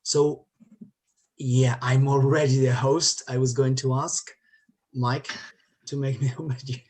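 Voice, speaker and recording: A man's voice: medium pitch, fairly even intonation, slow pace, darkish tone. A man on a video call, hosting a quiz game for students as their teacher, upbeat and coaxing everyone to join in. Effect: heard over a video call. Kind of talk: casual online meeting talk.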